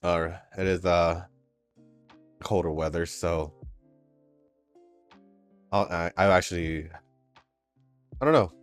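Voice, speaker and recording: Hosting a gaming channel, a man chats casually over gameplay with a stuffy, congested nose, rambling and laughing between comments. He speaks slowly with a low, steady voice, long pauses, and no echo, while soft game music plays faintly behind him.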